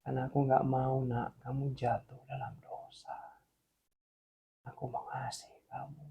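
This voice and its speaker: A man doing God, low and hushed. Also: normal speed, vocal fry, dull audio, a little hiss or hum. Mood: tender. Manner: low, hushed, almost whispered. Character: God, a stern yet loving voice.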